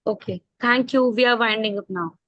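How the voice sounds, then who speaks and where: A woman's voice: on the high side, normal speed, fairly bright tone, no room sound, highs cut off. A woman with an Indian accent, a polite and businesslike online workshop coordinator making announcements to participants. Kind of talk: announcements of offers and thanks.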